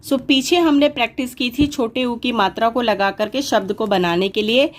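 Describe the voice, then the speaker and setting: A woman's voice: on the high side, moderate pace. A woman teaching a worksheet lesson to young children, patiently sounding out words syllable by syllable.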